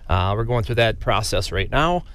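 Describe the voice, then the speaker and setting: A man giving a casual radio interview as a business owner, in a halting, informal way. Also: lowish voice, expressive, a bit bright.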